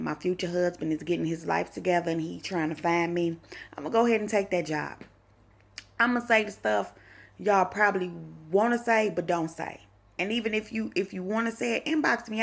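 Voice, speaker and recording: A woman's voice: on the low side, vocal fry. A young woman in a sassy, conversational opinion vlog, speaking. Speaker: vlogger.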